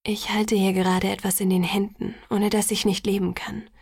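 Audiobook: woman voicing a soft-spoken, tender young man, half-whispered, slightly gravelly. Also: medium pitch, flat delivery, moderate pace, no room sound, studio quality. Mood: reassuring. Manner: hushed and gentle, half-whispered. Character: calm, tender young man, softly reassuring. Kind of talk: audiobook character voice.

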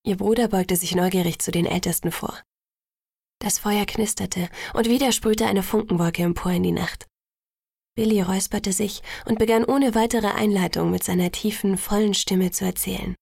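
A woman narrating an audiobook in a soft, even reading voice. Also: medium pitch, normal speed, vocal fry, slightly rough, no echo, studio quality.

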